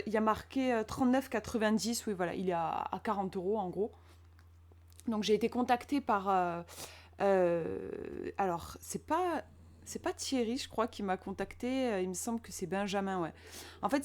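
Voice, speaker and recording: A woman's voice: mid-range voice, darkish tone. A young woman giving a casual review of a tarot deck, hesitant and full of fillers and restarts.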